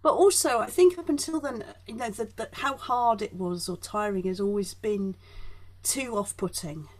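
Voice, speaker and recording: A woman talks casually in a soft Yorkshire accent at a middling pitch. She is emphatic and digressive, interrupting herself as she works towards what she means. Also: normal speed. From northern England (Yorkshire), born in Essex. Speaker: guest, performer. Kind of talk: casual conversation.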